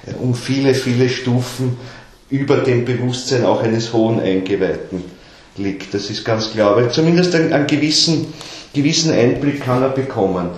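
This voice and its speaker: A man's voice: mid-range voice, a little mellow. Man lecturing in a very echoey room. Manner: halting, repeats words while explaining. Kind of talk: explanatory lecture.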